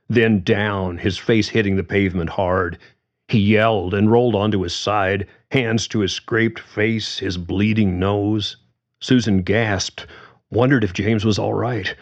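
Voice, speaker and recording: Low voiced guy reading a story real slow, kinda muffled audio. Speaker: narrator. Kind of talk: fiction reading. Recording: slightly dull, muffled audio.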